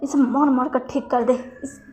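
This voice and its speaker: A woman's voice: sits high, steady tone, moderate pace, darkish tone, lightly acted. A woman doing an indignant brother-in-law. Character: proud, touchy brother-in-law.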